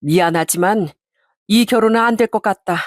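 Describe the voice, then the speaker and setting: A woman's voice: medium pitch, no room sound, natural voice. The groom's mother, a dignified farming woman, answers firmly and evenly, voiced by a woman. Her voice stays close to the narrator's own in a dry, close recording. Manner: firm, measured retorts.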